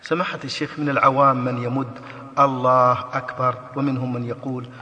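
A man asks questions quickly in a bright, forceful voice, deferential and formal in his address. Long reverb and faint background noise surround him. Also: mid-range voice, flat delivery. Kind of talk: posing questions in a religious lesson.

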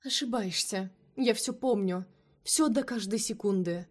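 A woman's voice: medium pitch, unhurried, lightly acted. A woman voicing a furious jealous vampire lover. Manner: shouting, hissing accusations.

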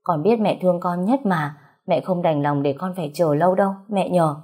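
Female reader voicing a devoted young daughter, soft and earnest, low husky tone. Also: moderate pace.

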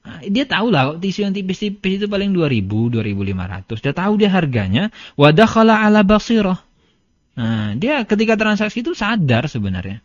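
A man's voice: high voice, sing-song, a little fast, dry recording. Man teaching casually on a dull recording. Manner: conversational, storytelling with everyday examples; reads Arabic text aloud. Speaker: Islamic religious teacher. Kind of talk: casual religious lesson. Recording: dull, dry lo-fi lecture recording.

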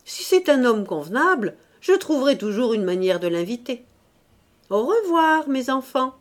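A woman's voice: sits high, very animated, moderate pace, pitched above the performer's own voice. A woman voicing a scheming older society lady who speaks in an affected, exclamatory, falsely sweet way. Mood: smooth.

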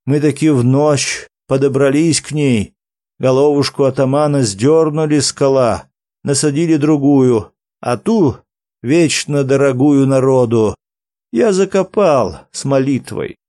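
A man voicing an old wandering minstrel who tells his tale in a fond, drawn-out folk manner. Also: medium pitch, warm tone, dry recording, studio quality, lightly acted. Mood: mournful. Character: old male wandering minstrel, gentle storyteller.

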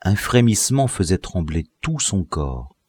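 A man's voice: low voice, sing-song, measured pace, a little mellow, slightly rough, no room sound, studio quality. A man reading a novel aloud as an audiobook narrator, telling the story expressively. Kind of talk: scripted narration.

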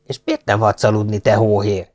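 A man's voice: on the low side, steady tone, darkish tone, lightly acted. A man voicing a huge, grumpy, sleepy legionnaire who grumbles and blusters in an audiobook story. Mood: grumbling.

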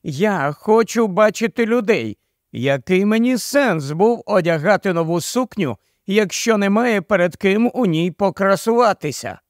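Guy putting on a gushy vain young lady, high and chattery, dry close sound. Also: expressive, a little slow, dry recording. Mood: gushing. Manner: gushing, loud, fussy.

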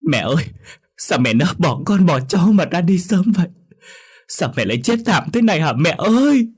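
A man's voice: sits high, very animated, moderate pace, slightly rough, pitched above the performer's own voice, full character voice. A man playing a wailing grieving son. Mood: wailing grief. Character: grieving young husband, wailing.

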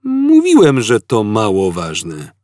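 A man voicing a gentle, melancholy old man who speaks softly and hesitantly. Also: fairly low pitch, wildly swooping pitch, takes it slowly, no echo, studio quality, heavily acted. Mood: mild, wistful. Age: over 60. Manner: soft-spoken, hesitant, mournful.

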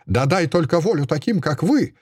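A man voicing a self-righteous Soviet woman official who shouts accusations in a sing-song, triumphant way. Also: a little high, expressive, moderate pace, slightly rough, dry recording, studio quality, pitched above the performer's own voice. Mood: triumphant shouting.

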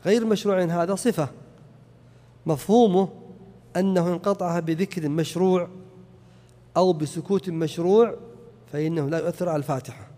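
A man's voice: high voice, steady tone, fairly quick, pauses often, dark tone. A man teaching a lesson on a religious text and reciting examples to illustrate each point. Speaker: Islamic teacher. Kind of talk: lecture on a text. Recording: long hall reverb.

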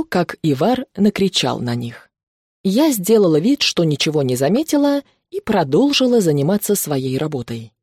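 A woman narrating a novel in the first person, expressive and lively. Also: on the low side, slightly rough, dry recording, clean studio sound.

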